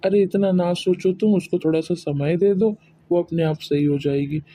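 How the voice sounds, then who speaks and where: Calm, soothing father-in-law. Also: high voice, moderate pace. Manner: soothing, reasoning. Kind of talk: cartoon story voice acting.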